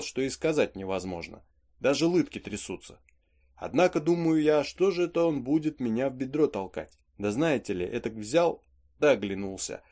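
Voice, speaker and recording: A man's voice: medium pitch, darkish tone. A man reading aloud as a superstitious peasant servant, spinning a folksy tale full of asides. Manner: chatty folksy storytelling with asides. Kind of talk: audiobook reading of a play.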